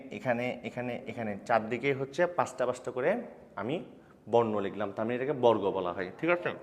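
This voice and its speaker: Male tutor, young adult, brisk explainer who keeps asking if you follow; lingering reverb on the voice. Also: mid-range voice, a little hiss or hum. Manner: quick, instructive, checks in often with listeners. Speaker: teacher. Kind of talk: grammar lesson for school students. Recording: long reverb.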